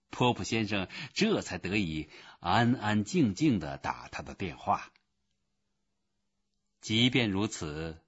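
A man narrating a children's storybook slowly and very expressively. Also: on the low side, a bit bright, husky. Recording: dull lo-fi recording.

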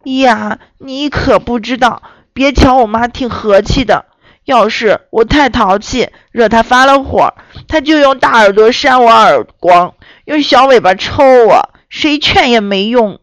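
A woman's voice: on the high side, unhurried, dry recording, natural voice. A woman doing a naive little piglet. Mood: innocent. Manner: innocent, polite and chatty.

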